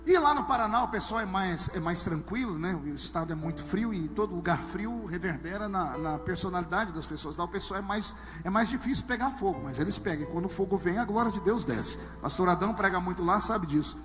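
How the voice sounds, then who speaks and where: A man preaching a sermon to a live congregation, telling humorous stories and swinging from hushed asides to shouted lines. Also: sits high, expressive, brisk. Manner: humorous storytelling. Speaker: pastor. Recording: long hall reverb with music underneath.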